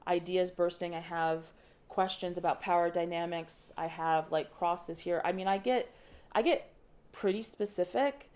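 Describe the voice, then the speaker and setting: A young adult woman who directs opera talks casually in a podcast interview. Her voice sits on the low side, a little slow and a little mellow. She is thoughtful, often restarting her sentences with light laughs.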